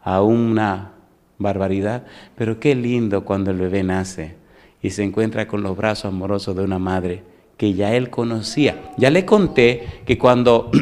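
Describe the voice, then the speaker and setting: A middle-aged male pastor delivers a sermon in a chatty, conversational way. He often stops to put rhetorical questions to the congregation. His voice sits at an ordinary male pitch. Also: darkish tone.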